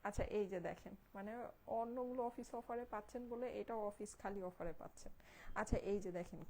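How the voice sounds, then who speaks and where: Speaking softly so as not to wake her sleeping child, a young woman with a Bangladeshi Bengali accent sells clothes on Facebook live in a mellow, warm, medium-pitched voice. She praises items again and again and keeps checking in with her audience, though the audio is poor and a faint hum sits behind her.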